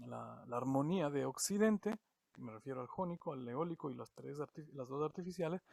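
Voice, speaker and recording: A man from Latin America giving an online music theory lesson, halting and often repeating words as he explains. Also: mid-range voice, vocal fry, no room sound, studio quality. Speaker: music teacher.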